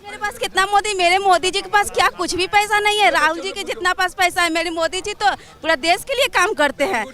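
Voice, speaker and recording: A woman's voice: extremely high pitch, fairly quick, bright, forceful tone. A woman in a street interview, insistent and earnest in her views. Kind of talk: street vox pop.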